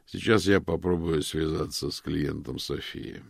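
A man voicing a calm, polite male detective questioning someone on the phone. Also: very deep voice, measured pace, vocal fry, no echo, studio quality, heavily acted.

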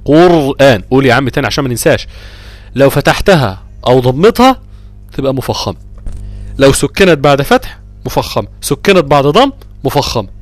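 A man with an Egyptian accent teaching Quran recitation rules, quizzing students and chanting verses slowly. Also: medium pitch, no room sound. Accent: Egyptian Arabic. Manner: lively, drawn-out chanting of verse examples. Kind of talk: live tajweed lesson.

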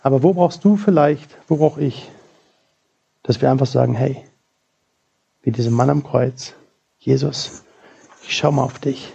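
A man's voice: mid-range voice, a little slow, creaky, long pauses, dark tone, slightly rough, highs cut off. A man preaching a sermon in church, telling a personal story with earnest quoted prayers.

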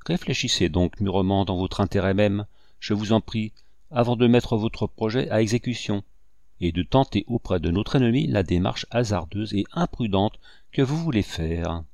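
A man voicing a proud, bitter rebel commander who speaks in solemn, measured oratory. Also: on the low side, lively intonation, a little mellow, dry recording, clean studio sound. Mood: grave, persuasive.

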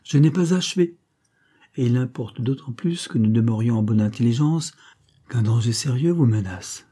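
Man doing a cold, implacable woman, commanding, dark, husky. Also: medium pitch, animated, normal speed. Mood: coldly threatening. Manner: cool, threatening, commanding. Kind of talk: audiobook reading.

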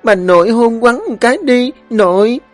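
A man performs as a cheerful, chatty five-year-old boy, eager and sweet-talking, using a very high voice pitched above his own. He speaks at a moderate pace over soft background music.

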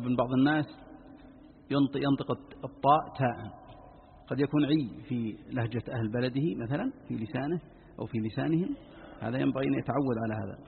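A man, a sheikh explaining Quran recitation rules to students in quick asides. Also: mid-range voice, creaky, breathy edge. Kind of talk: lesson commentary on a text. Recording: tinny phone-like line, long reverb.

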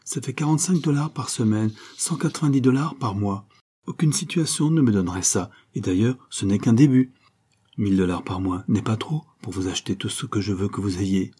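A man's voice: fairly low pitch, a little fast, dark tone, husky. A man reading a novel aloud, voicing an eager young sailor who has become a writer. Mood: earnest. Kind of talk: audiobook character reading.

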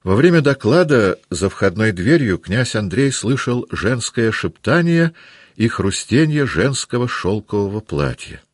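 A man narrating a classic novel as an audiobook, with a measured, steady reading. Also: fairly low pitch, no echo, studio quality. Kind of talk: scripted narration.

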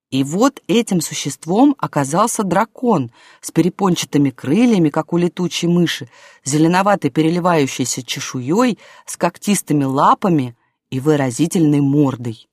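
A woman narrating an audiobook in a calm storytelling manner, dropping to a hush in quiet scenes. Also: deep voice, dry recording, clean studio sound.

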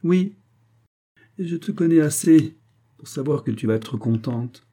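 Domineering rich father in an audiobook, dark husky low voice, forceful and reproachful, done by a male reader. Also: animated, unhurried. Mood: coaxing. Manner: forceful, reproachful, rising to emphatic outbursts. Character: domineering middle-aged billionaire father, exalted. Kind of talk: audiobook character reading.

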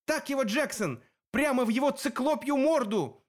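A man's voice: very high-pitched, lively intonation, moderate pace, pitched above the performer's own voice. A man voicing a brash, mocking teenage warrior girl in an audiobook, taunting and jeering.

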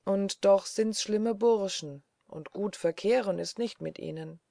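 A woman's voice: mid-range voice, unhurried, vocal fry, mellow, dry recording, clean studio sound. A woman reading as a brooding, eerie male assistant. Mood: wry. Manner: musing, darkly wistful.

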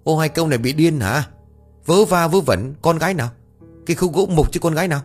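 A man doing a shrill scolding village wife. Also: fast talker, soft background music, natural voice.

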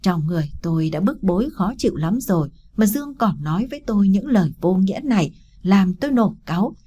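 A woman narrating a first-person story as an audiobook, in a steady, emotional storytelling manner. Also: medium pitch, fast, breathy edge.

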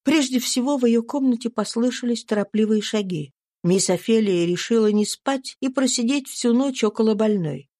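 A woman reading a classic novel aloud as an audiobook narrator, in a slow, solemn, deliberate way. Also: fairly high pitch, dark tone, no echo, studio quality. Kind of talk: scripted literary narration.

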